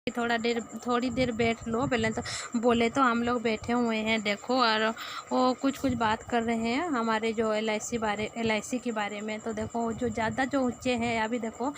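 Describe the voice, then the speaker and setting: A woman with a Sambalpuri Odia accent, a native Odia speaker narrating a casual vlog in halting Hindi, searching for words. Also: on the high side, level tone, a little hiss or hum. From Sambalpur, Odisha. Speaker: vlogger.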